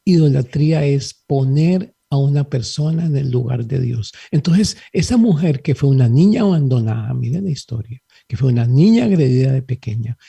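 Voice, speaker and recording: Gravelly, husky man preaching earnestly. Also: mid-range voice, warm tone. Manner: earnest, preaching, questioning listeners. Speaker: guest speaker.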